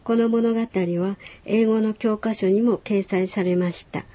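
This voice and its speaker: A woman teaching a radio language lesson, calmly explaining words and stories. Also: medium pitch, a little slow, highs cut off. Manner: calm explanatory lecturing. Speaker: language instructor.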